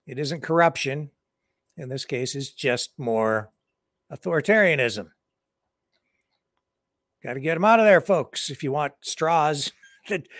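A man's voice: a little high, fairly bright tone, no room sound, studio quality. Chatty sardonic male news host. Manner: chatty, sardonic, asides to viewers. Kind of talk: casual opinion commentary.

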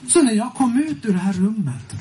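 A man telling a lively testimony to a congregation as a preacher, swinging between hushed and loud and often chuckling. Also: sits high, low-quality recording. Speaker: preacher and singer.

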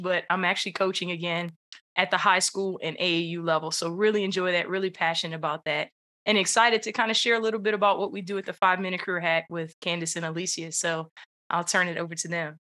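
Bright woman from New Orleans. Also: lowish voice. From greater New Orleans area. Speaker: podcast guest, co-founder. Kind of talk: casual self-introduction.

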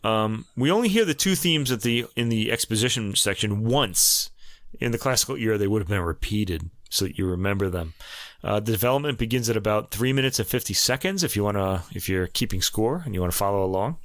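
A man's voice: on the low side, expressive, a little fast, fairly bright tone, no room sound, studio quality. Man with a New York accent. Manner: conversational, many fillers and restarts. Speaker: music review podcast host. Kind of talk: casual music commentary.

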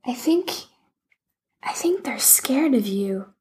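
An earnest, curious little boy from a children's story asks his questions in a bright, lifted voice, as a woman reading aloud puts him on. He sounds a touch breathless and is eager to help his friend. It is gentle storybook acting. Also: high-pitched, animated, a little slow, pitched above the performer's own voice. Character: brave, curious young boy.

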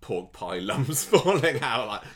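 A man's voice: mid-range voice, sing-song, a little slow, fairly bright tone. A man co-hosting a podcast, chatting casually about a soap and quoting characters' reactions. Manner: chatty, laughs often, quotes reactions. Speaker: podcast co-host. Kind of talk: casual chat recapping a soap.

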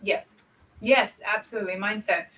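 A woman's voice: mid-range voice, normal speed, far from the mic, poor audio. A woman from Lebanon co-hosting a business podcast, speaking animatedly and laughing now and then. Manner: animated, laughs often, repeats for emphasis. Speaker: podcast co-host. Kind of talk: casual business chat.

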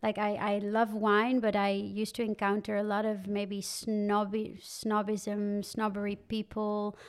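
Young woman podcast guest, smooth clear tone, bubbly and chatty. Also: medium pitch, a little slow. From Netherlands. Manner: animated, laughing, many fillers. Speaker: guest, wine content creator. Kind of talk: casual interview chat.

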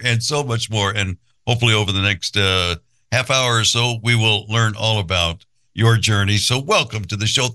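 Bright-voiced halting male podcast host. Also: fairly low pitch. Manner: halting, many fillers and restarts. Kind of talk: casual interview.

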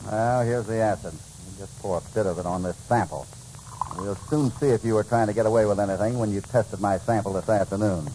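A man plays a shrewd American cowboy hero in a radio western, with a lowish, mellow voice. He is self-assured and commanding, on a faintly noisy old recording. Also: a little fast, close to an everyday voice. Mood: firm.

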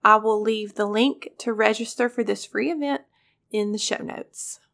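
A woman's voice: mid-range voice, normal speed, creaky, fairly bright tone. A woman hosting a faith-based podcast, earnest and encouraging, her voice scratchy and congested from a cold. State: congested, getting over a cold. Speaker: podcast host.

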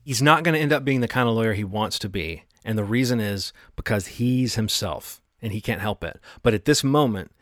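A man's voice: fairly low pitch, brisk, few pauses, a bit bright, dry recording, studio quality. A man co-hosting a casual television recap podcast, talking in an analytical, thoughtful way with occasional laughs. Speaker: podcast co-host.

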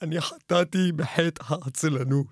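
A man's voice: no echo, studio quality. A man voicing a whiny, hopelessly lazy caller who rambles through an earnest confession on a comedy radio sketch. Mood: confessional. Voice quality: high, gravelly put-on voice.

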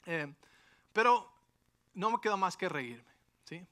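A middle-aged pastor tells a personal story during a sermon, often checking in with his listeners. His voice sits high and moves at a slow pace, with animated storytelling full of rhetorical asides.

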